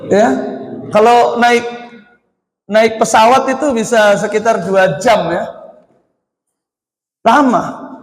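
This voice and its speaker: Man, Indonesian accent, religious study lecture, strikingly high voice, long hall echo, asks and answers his own questions. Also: steady tone, slow, pauses often. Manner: asks the audience questions and answers them himself. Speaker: Islamic teacher. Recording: echoey hall.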